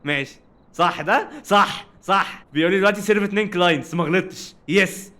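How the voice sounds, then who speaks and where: A young man with an Egyptian Arabic accent giving jokey, animated commentary while playing a horror game and chatting to its characters. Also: high-pitched, fast. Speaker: gaming streamer. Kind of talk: casual let's-play commentary.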